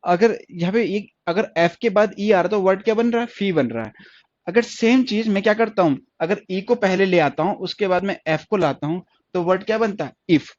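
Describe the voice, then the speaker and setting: A man's voice: high voice, normal speed, few pauses, no echo, highs cut off. A man teaching a stenography class online, repeating each point and asking questions he then answers himself. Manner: repetitive, asks questions and answers them himself.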